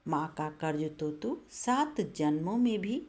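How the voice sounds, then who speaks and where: A patient, loving old mother who talks slowly and softly, steady and low, as a woman storyteller voices her. There is quiet firmness under the gentleness, a storybook mother teaching a lesson. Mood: reproachful. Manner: gentle and pleading, then stern and reproachful.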